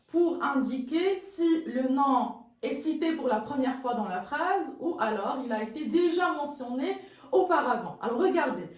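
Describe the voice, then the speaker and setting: A woman's voice: sits high, animated, moderate pace. A woman teaching a French grammar lesson, patiently repeating each word for learners and often correcting herself. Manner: self-correcting, says pardon often. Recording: very echoey room, mic far off.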